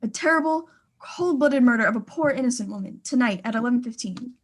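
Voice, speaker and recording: Frantic society wife, very high voice, haughty and demanding, radio thriller. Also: female voice, lively intonation, quick pace. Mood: agitated. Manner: indignant, demanding, stammering in agitation. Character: imperious, frantic, fretful well-to-do married woman.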